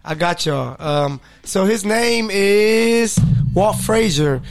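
A man's voice: sits high, animated, takes it slowly. A man hosting a casual sports podcast, joking loosely with lots of fillers. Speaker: podcast host.

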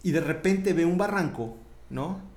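A man's voice: a little high, unhurried, echoey room. A man with a Mexican accent preaching a sermon in a chatty, conversational way, often tagging his sentences with questions. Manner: conversational, animated, tag questions.

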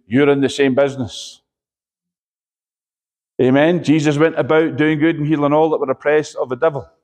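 A man preaching a sermon, emphatic and repetitive, often asking his listeners for an amen. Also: a little high. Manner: emphatic, repetitive, calls for amens.

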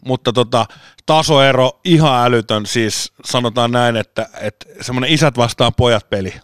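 He co-hosts a podcast, speaking at medium pitch with a slightly bright, clean tone recorded in studio quality with no echo. In casual chat he rambles through long stories, restarting often, swearing now and then and laughing a lot.

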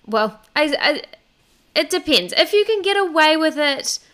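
A woman co-hosting a podcast, explaining baby care steps in a casual, halting way. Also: high voice, very animated, fairly bright tone. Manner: explaining step by step, fillers and restarts. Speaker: podcast co-host. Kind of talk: casual advice chat.

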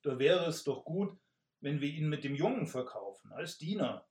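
A greedy robber, put on by a man reading aloud, lays out his scheme eagerly and loudly. The voice is gravelly with a roomy echo, in a storybook reading. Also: on the high side, very animated, moderate pace, voice pushed up. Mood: scheming.

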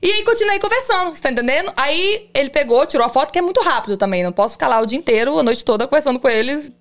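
A woman's voice: high voice, animated. A woman, a police officer, telling stories on a podcast in a chatty way, often checking that her listeners follow. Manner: rapid, chatty, keeps asking "you understand?". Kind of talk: casual podcast storytelling.

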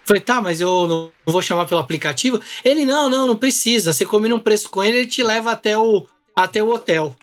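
Animated man telling a story. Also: high voice, fast, hardly any pauses. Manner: animated storyteller, acts out dialogue. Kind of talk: casual storytelling chat.

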